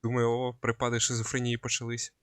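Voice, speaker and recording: A man's voice: medium pitch, fast, clean tone, no echo, studio quality. A man joking around in a casual stream conversation. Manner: joking, relaxed. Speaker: stream co-host.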